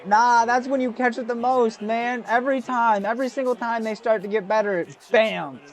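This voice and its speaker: This gaming streamer is a young man with an extremely high-pitched voice, fairly even in intonation and moderate in pace. He plays a football video game while chatting casually with viewers, swearing often and greeting them by name.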